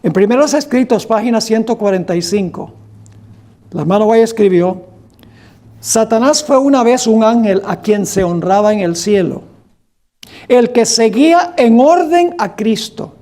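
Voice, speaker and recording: A man's voice: high voice, animated, mellow. A man preaching a Bible study, reading scripture aloud with emphasis and quizzing his congregation with questions. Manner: slow and deliberate, quizzing the congregation. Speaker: pastor.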